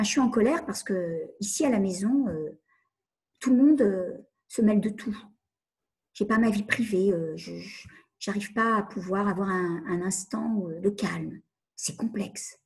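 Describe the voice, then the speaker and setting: A woman's voice: medium pitch, lively intonation, measured pace, darkish tone, breathy edge. A woman coach giving a webinar talk on emotions, earnest and repeating phrases as she acts out inner questions. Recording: online webinar.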